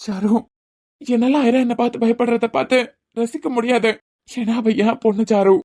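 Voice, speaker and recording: A woman voicing a grieving young father, a doctor, who pleads softly and sorrowfully with his frightened daughter in Kanyakumari Tamil. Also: a little high, fairly even intonation, moderate pace, natural voice. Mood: pleading. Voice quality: pleading, sorrowful, repeating the child's name. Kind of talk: cartoon voice acting.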